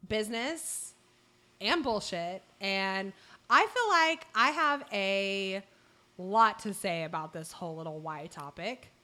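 A woman speaks as a podcast co-host in loose, irreverent conversation. Her voice is bright and sharp at a middling pitch, and she takes her time. She is blunt and slangy, often exclaiming as she goes. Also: lively intonation, slow. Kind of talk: casual, irreverent chat.

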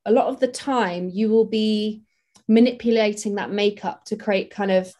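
A woman's voice: medium pitch, steady tone, moderate pace, warm tone. Woman, makeup artist guest, chatty, practical, casual interview. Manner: chatty, practical, many fillers.

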